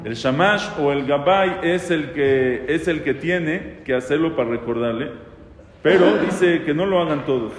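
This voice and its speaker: Guy teaching a prayer class, kinda high voice, chatty, asks questions, long reverb room. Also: unhurried, soft background music. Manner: conversational, asks questions, quotes Hebrew prayers aloud. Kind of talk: casual halachic lesson. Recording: echoey hall with faint ambience.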